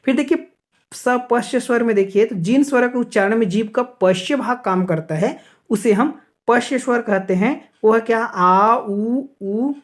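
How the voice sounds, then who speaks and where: Man, grammar teacher, exam-prep lesson, rhetorical questions, repeats okay, spells out sounds slowly. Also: very high voice. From Chhattisgarh, India. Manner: asks and answers his own rhetorical questions; keeps checking in with a repeated "okay".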